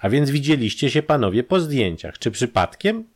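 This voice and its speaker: A man voicing a calm, dry, persistent police detective who questions with pointed emphasis. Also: mid-range voice, normal speed, pitched above the performer's own voice. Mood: probing.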